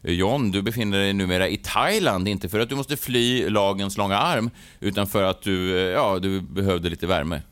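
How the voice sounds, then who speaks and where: A man's voice: deep voice, hardly any pauses, a bit bright, dry recording. A man hosting a casual podcast, joking, laughing often and mocking himself. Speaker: podcast host. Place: studio in Stockholm.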